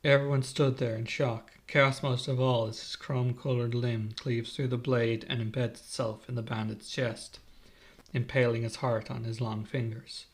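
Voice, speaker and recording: A man reading his own fan-fiction story aloud in an even narrating voice. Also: mid-range voice, moderate pace.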